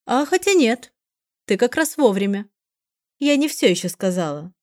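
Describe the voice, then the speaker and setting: A woman's voice: fairly high pitch, sing-song, moderate pace, no echo, studio quality, pitched above the performer's own voice. A woman voicing a cold, mocking, middle-aged mother who sneers at her daughter in an audiobook. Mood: sneering. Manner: sneering, sarcastic.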